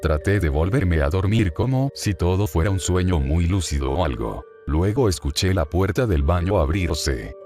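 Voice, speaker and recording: Very deep male narrator, steady horror story reading, faint music bed. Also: normal speed, few pauses. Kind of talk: reading creepypasta stories aloud.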